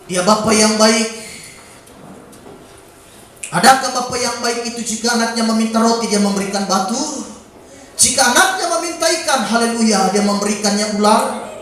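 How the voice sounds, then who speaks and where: A man preaching a sermon in a church, breaking into sudden shouted calls and exclamations. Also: high-pitched, slight background noise. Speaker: pastor. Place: church during a Wednesday evening service. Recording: very echoey church hall.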